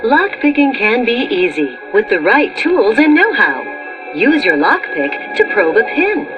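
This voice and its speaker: A woman's voice: fairly high pitch, very animated, a little slow, highs cut off, music in the background. A woman playing a perky instructional narrator in a scripted game tutorial. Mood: instructive.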